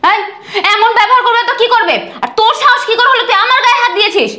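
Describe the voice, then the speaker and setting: A high-voiced, arrogant rich bride, played by a young woman in a short drama, rattling off sneering insults at speed. The room is echoey. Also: animated, fast, a bit bright. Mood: contemptuous.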